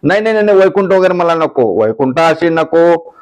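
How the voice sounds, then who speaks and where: A preacher voicing a stubborn devout old saint. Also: male voice, fairly high pitch, very animated, fairly quick, a little mellow, pitched above the performer's own voice. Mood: insistent. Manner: insistent, emphatic refusals. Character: saint Namdev, elderly devout man, stubborn. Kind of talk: acted dialogue within devotional sermon.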